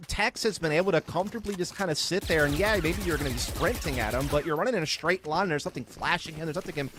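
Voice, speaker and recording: A man's voice: a little high, fast, background noise. A man giving conversational, analytical color commentary on an esports match. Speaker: esports caster.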